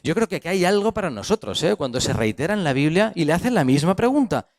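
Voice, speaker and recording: A man's voice: fairly high pitch, sing-song, fast talker. A man with a Spanish accent from Spain, preaching a sermon as pastor, voicing quoted people and asking rhetorical questions. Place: church hall.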